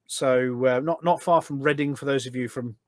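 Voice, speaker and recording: A middle-aged volunteer event organiser talks on a podcast, casual and long-winded, explaining matters anecdotally during a conversational interview. His mid-range voice holds a steady tone at a moderate pace, and the recording is dry.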